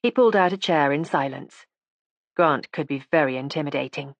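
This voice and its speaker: A woman narrating a classic mystery audiobook in a measured, even storytelling manner. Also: low-pitched, no room sound. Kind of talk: scripted narration.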